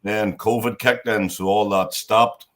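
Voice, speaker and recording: A man's voice: lowish voice, fairly even intonation, measured pace, a bit bright. A man from Northern Ireland with a Northern Irish accent, chatting and joking as a regular on the show, laughing between lines. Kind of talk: casual chat.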